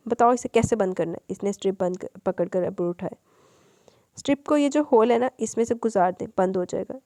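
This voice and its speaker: A woman's voice: mellow, no echo. A woman reading a romance novel aloud, raising her voice for the lovers' lines. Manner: voices both lovers, lifting pitch and volume for dialogue. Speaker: audiobook narrator.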